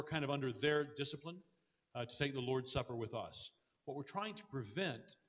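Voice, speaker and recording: A man, a pastor, answering audience questions in earnest, quick speech with frequent restarts. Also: mid-range voice, a bit bright. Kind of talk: conference Q&A answers. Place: large hall with an audience. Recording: long reverb of a large hall.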